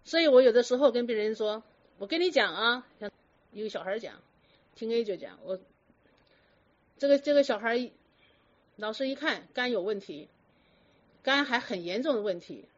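Higher-voiced woman lecturing with questions. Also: normal speed, pauses often. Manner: lively, lecturing, rhetorical questions. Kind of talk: storytelling talk to an audience. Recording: dull lo-fi recording.

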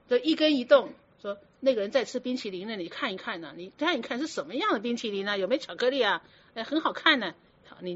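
A woman teaching a Buddhist sermon, often asking her listeners rhetorical questions. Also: a little high. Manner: asks many rhetorical questions. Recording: dull lo-fi recording.

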